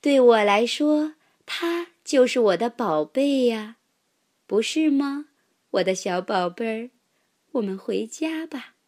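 A woman voicing a loving mother duck in a storybook, speaking softly and tenderly. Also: a little high, expressive, pitched above the performer's own voice. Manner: soft, slow and tender.

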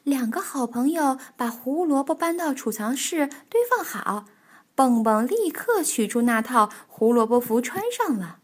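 A woman reading a storybook aloud for children as a storyteller, with an expressive manner. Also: sits high. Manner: slow, expressive, animated.

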